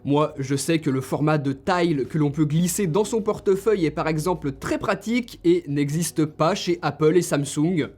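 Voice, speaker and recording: Upbeat French tech reviewer, higher voice. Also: male voice, normal speed, hardly any pauses, a little mellow. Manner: enthusiastic, direct, addresses viewers informally. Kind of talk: tech gift recommendations to camera.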